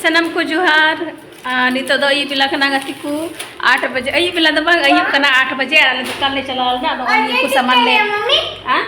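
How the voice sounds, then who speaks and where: A high-pitched woman vlogger, recorded outdoors on a handheld phone. She soothes a crying child in gentle, repetitive words. Loud ambient noise runs under her voice the whole time. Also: expressive, normal speed. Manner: coaxing and soothing a crying child, repeating short phrases. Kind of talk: casual daily vlog. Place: outdoors in the sun.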